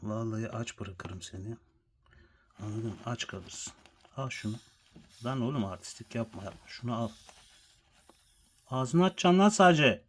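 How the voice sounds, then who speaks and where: Low-voiced man teasing his pet snake. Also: steady tone, moderate pace, long pauses, slightly rough. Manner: teasing, scolds the snake with slang; drops to a soft whisper at times. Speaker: vlogger feeding a pet snake. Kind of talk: casual hand-held vlog. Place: at home, indoors.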